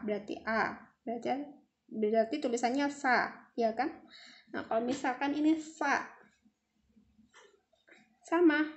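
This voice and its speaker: A woman gives a casual reading lesson, patiently saying each letter sound over and over so learners can hear the difference. Her voice sits a little high. The room around her is roomy and echoing. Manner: patient, demonstrates letter sounds by repeating them. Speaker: Quran reading teacher.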